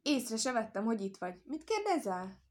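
A woman voicing a clever, quick-witted little male hare in a storybook tale, talking in a lively, playful way. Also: a little high. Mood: playful sly.

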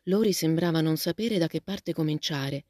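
A woman narrating a classic novel aloud in a steady, even storytelling manner. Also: low voice, moderate pace, no room sound, clean studio sound. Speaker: audiobook narrator. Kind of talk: scripted narration.

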